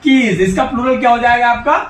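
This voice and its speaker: A man's voice: very high voice, brisk, a bit bright. A male teacher giving a grammar lesson, asking questions and answering them himself while coaxing the children along. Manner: drills students by asking and answering his own questions; coaxing and encouraging, addresses children directly. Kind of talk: classroom-style English grammar lesson. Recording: echoey room, voice from a distance.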